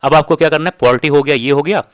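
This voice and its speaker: A man's voice: on the high side, fairly even intonation, quick pace, smooth, no room sound, clean studio sound. A man teaching a study strategy lesson for an entrance exam, speaking directly, repeating key points and checking in with the listener often.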